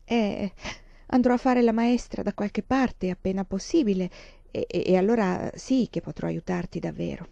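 A woman reading the lines of a thoughtful fifteen-year-old girl describing a sunset to her sister, calmly. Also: mid-range voice, normal speed, vocal fry, no echo, natural voice. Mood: tender. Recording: dull lo-fi dry recording.

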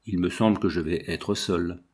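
A wistful, tender young woman from an old novel, speaking softly and sadly, as a man reads her part. Quiet and hushed throughout. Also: low-pitched, steady tone, moderate pace, husky, pitched below the performer's own voice.

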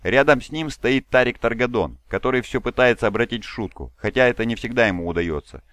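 A man's voice: mid-range voice, fairly quick, fairly bright tone, no echo, pitched above the performer's own voice, close to an everyday voice. A man voicing a proud, fatherly giant male warlord who speaks in a solemn, commanding way.

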